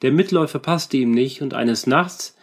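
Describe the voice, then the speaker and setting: A man narrating a folk tale in a calm, measured reading voice. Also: medium pitch. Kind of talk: storytelling reading.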